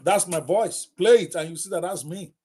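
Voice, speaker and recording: A man's voice: high voice, moderate pace, dark tone, slightly rough. A middle-aged Nigerian man hosting a live talk, speaking emphatically and addressing viewers directly, often repeating himself. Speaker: host.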